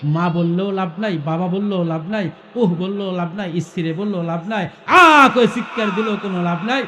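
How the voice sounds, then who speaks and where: A man's voice: high voice, normal speed, sharp tone, reverberant. A male preacher telling a story in a sermon, calling out questions to the crowd and breaking into melodic chanting.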